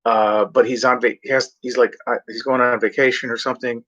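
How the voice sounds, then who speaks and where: A man's voice: medium pitch, flat delivery, brisk, fairly bright tone. Man, casual rambling vlog chat, off-script, swears freely, muffled lo-fi sound. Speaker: vlogger. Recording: dull lo-fi recording.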